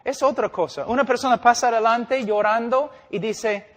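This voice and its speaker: A man preaching a sermon, emphatic and full of rhetorical questions, his voice swinging between loud and hushed. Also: very high-pitched, normal speed. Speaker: pastor and missionary preacher. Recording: long reverb of a large hall.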